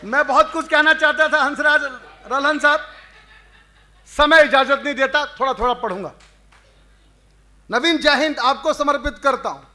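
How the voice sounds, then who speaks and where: Poet guy on stage, super high voice, drags out every verse line. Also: pushed and bright, a faint crowd. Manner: declamatory, chants refrains, stretches verse lines slowly. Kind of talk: live poetry recital with crowd banter. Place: live event before an audience.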